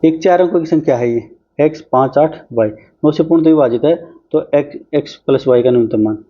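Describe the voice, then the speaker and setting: Brisk chatty male math tutor. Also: a little high, lo-fi sound. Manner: brisk, chatty, talks while solving on screen. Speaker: teacher. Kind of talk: exam-prep math lesson.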